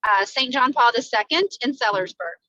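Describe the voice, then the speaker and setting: A woman's voice: a little high, animated, normal speed, pushed and bright, dry recording. A woman calling in from a car speakerphone while driving, giving a chatty update to a meeting. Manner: chatty, leans on "you know". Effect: talking through a car speakerphone while driving. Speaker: school staff member on a video meeting. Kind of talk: casual update on a group call. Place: inside a moving car. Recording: dull, lo-fi phone line, dry.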